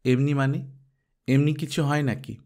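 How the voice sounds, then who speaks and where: A man's voice: medium pitch, fairly even intonation, a little slow, a little mellow, natural voice. A man voicing a fond, chiding mother. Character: affectionate scolding mother, middle-aged woman. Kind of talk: audiobook character voice.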